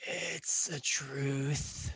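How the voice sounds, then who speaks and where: Gm doing a wheezy undead maze guy, raspy breathy whisper, super slow. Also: mid-range voice, fairly even intonation, a bit bright, exaggerated voice. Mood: eerie. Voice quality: rasping, wheezing voice. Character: undead male keeper of a maze, eerie and patient. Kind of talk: voicing a creature in a tabletop game.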